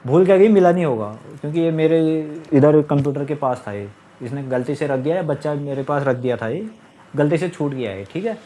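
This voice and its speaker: Young guy venting on his vlog, kinda high voice, retelling who said what. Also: expressive, brisk, mellow. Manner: aggrieved, recounting and quoting others. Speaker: vlogger. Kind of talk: casual monologue to camera.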